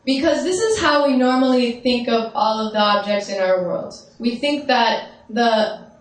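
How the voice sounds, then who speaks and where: A spiritual teacher with a slightly high, strong, carrying voice leads meditation at a measured pace, guiding visualizations and often checking in with listeners. She speaks without a microphone in a large, echoey meditation hall, so her voice sounds off-mic and distant.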